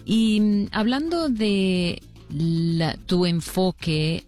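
A woman host asks interview questions in a friendly, unhurried way. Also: on the low side, a little mellow, faint music behind.

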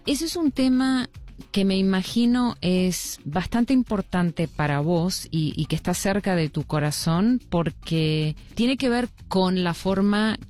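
A woman host asks interview questions in a friendly, unhurried way. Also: medium pitch, darkish tone, faint music behind.

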